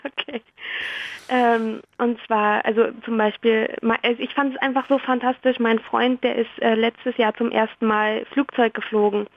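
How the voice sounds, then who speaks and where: A young woman reading her own fantasy story aloud in an expressive voice, then chatting casually and laughing often. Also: a little high, a little slow, dull audio.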